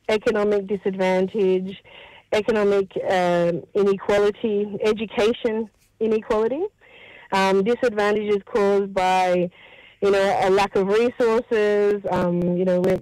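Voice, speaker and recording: A woman's voice: mid-range voice, warm tone, no room sound, poor audio. Chatty woman on the phone, dry sound. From born in Mauritius, raised in Australia. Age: 40s. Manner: chatty, with frequent ums and restarts. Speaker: charity representative guest. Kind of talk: casual radio interview. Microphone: telephone.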